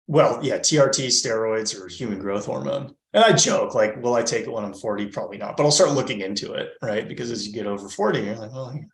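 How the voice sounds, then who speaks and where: A man's voice: fairly low pitch, fast talker, few pauses, roomy sound. A man in his thirties, a fitness coach talking in a podcast interview, explaining emphatically and checking in with "right?". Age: 30s.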